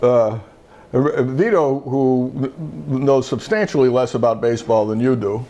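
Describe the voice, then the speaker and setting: A man's voice: medium pitch, steady tone, measured pace, warm tone. An older man, a retired judge and show host, telling a rambling story in casual chat with many fillers and restarts.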